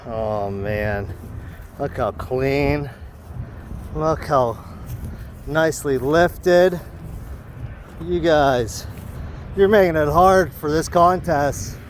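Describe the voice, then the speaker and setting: Excited man walking a parking lot. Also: fairly high pitch, drawn-out words, pauses often, a little hiss or hum. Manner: enthusiastic, admiring. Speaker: vlogger. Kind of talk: casual walk-and-talk vlog.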